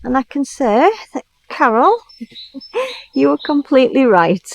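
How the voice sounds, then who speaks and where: A woman narrating a casual travel vlog, chatty and often dropping to a hushed whisper. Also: high-pitched, very animated, a little slow, creaky, poor audio. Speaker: travel vlogger. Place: old village church and campervan.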